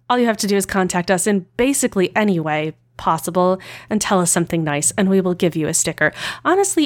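Chatty woman podcast co-host. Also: mid-range voice. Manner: chatty, informal, self-deprecating. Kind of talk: casual podcast intro narrated alone.

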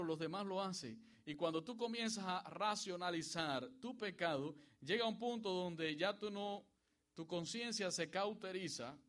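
A man preaching a sermon to his congregation. He asks the congregation to repeat words after him and lifts his voice when he quotes scripture. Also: a bit bright. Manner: rises in pitch and volume when quoting scripture. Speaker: pastor.

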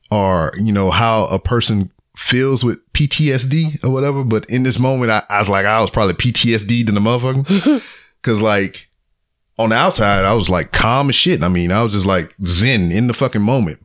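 A middle-aged man on a podcast, telling a story in casual chat, profane and animated, acting out what people said. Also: lowish voice, no echo, studio quality. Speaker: podcast co-host. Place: home podcast studio.

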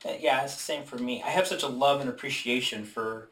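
A man's voice: mid-range voice, brisk, fairly bright tone. Male co-host, casual faith talk, earnest and repetitive, echoey distant recording. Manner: earnest, repeats words as he gathers thoughts. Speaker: podcast co-host. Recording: echoey room, mic at a distance.

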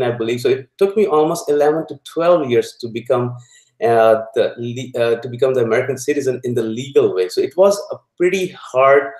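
A man from Pakistan, a guest in a political interview, speaking haltingly with many fillers and growing indignant. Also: mid-range voice, a little mellow, reverberant, poor audio.

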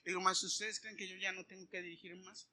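A man's voice: high-pitched, fast talker. A middle-aged man, preaching a sermon as he tells a personal story and acts out the dialogue. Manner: animated storytelling, acting out dialogue.

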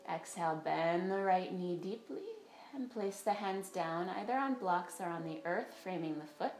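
A woman's voice: fairly low pitch, moderate pace, a little mellow. A woman teaching a guided yoga class, giving step-by-step directions and breath counts. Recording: roomy echo, faint music behind.

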